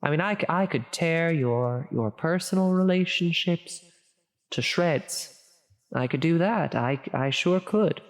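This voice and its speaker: In an ASMR audio roleplay, a woman voices a theatrical, grandiose female demon who means to menace but grows more and more flustered and concerned. Her deep voice rolls through a long, cavernous reverb as she stretches each word very slowly in grand, formal, halting phrases. The threat never quite convinces.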